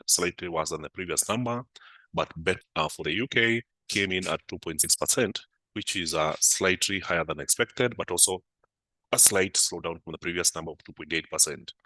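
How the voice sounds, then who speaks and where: In a dry, rough recording, a man with a deep, pushed, bright voice hosts a live market stream analyzing the markets. The flu has his voice a little off, and he answers live comments unhurriedly, dropping "uh" frequently.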